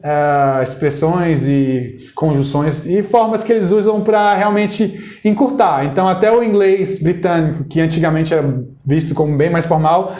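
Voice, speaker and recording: A Brazilian man with a Brazilian Portuguese accent, a guest English teacher casually explaining differences between accents in an interview. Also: sits high. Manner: switches between Portuguese and English examples, relaxed. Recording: echoey room.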